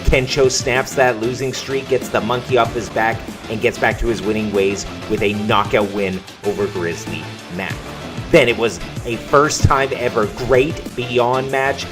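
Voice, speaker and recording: A man calling play-by-play commentary on wrestling matches in a video game, with an energetic calling style and music playing behind. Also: mid-range voice, moderate pace.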